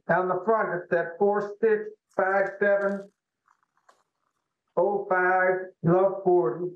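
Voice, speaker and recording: Guy calling in, high-ish voice, earnest folksy storyteller, tinny echoey phone line. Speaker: guest. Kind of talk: storytelling on a call-in show.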